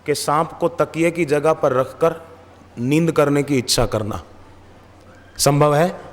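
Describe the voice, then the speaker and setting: A man giving a devotional sermon, speaking slowly and emphatically, asking rhetorical questions and telling stories. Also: fairly high pitch, in a large hall. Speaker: spiritual preacher.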